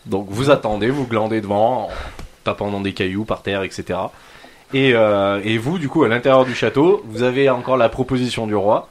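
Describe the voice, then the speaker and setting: A man's voice: lowish voice, fairly quick, a little hiss or hum. A man narrating as game master of a tabletop role-playing game, in a casual, joking way.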